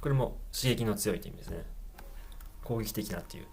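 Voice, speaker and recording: A Japanese university English teacher giving a pronunciation lesson, slowly repeating English phrases and explaining them in a casual way. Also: mid-range voice, a little mellow, a little hiss or hum.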